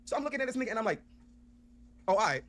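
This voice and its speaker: A man tells a story in a casual, profane rant, animatedly acting out both sides of an argument. His voice is high-pitched and he races along.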